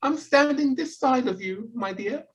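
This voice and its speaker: A woman's voice: sits high, lively intonation, a little slow. A woman playing a long-suffering, grumbling male owl in an audio play, dry and exasperated in manner. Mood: dry, resigned. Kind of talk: community audio play of children's classic. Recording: home video-call recording.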